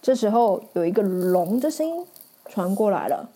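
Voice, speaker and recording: A woman storyteller reading a picture book aloud in an animated, expressive way. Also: medium pitch, normal speed, husky.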